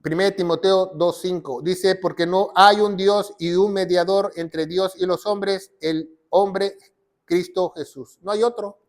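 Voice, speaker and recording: A man's voice: high voice, fairly even intonation, a little slow. A male pastor preaching a sermon, emphatic and repetitive, often quoting scripture. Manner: emphatic preaching, repeats phrases, quotes scripture. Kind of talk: sermon teaching.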